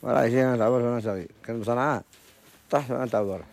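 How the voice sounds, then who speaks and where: A man's voice: mid-range voice, racing, vocal fry, a little mellow. Yemeni man rattling off short answers. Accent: Yemeni Arabic. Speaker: guest. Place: outdoor market.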